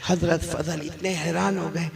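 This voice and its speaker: A male preacher telling a story in a sermon, rising to shouted appeals and dropping to soft asides. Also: on the high side, little pitch movement, a little slow, vocal fry. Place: gathering with a live audience. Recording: crowd audible behind.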